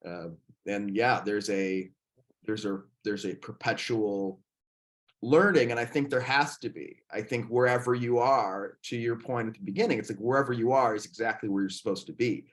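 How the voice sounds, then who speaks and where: A man's voice: on the low side, moderate pace. A man hosting a podcast in casual conversation, thinking aloud in a reflective way with frequent restarts. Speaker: podcast host.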